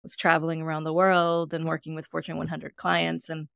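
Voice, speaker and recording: A woman's voice: sits low, completely flat delivery, a little fast, gravelly, a bit bright, smooth, no room sound, clean studio sound. A woman hosting a podcast, speaking in an encouraging way with light laughs. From United States. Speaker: podcast host. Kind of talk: podcast interview.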